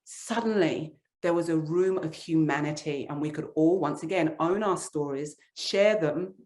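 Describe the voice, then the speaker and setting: A woman's voice: low-pitched, moderate pace, a little mellow. A woman author being interviewed, answering in an earnest, reflective storytelling way. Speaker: author and leadership guest.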